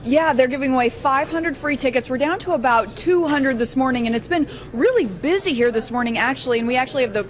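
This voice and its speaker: A woman's voice: sits high, lively intonation, quick pace, few pauses. A woman field reporter doing a live, conversational news report on location. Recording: busy crowd chatter behind. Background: busy crowd.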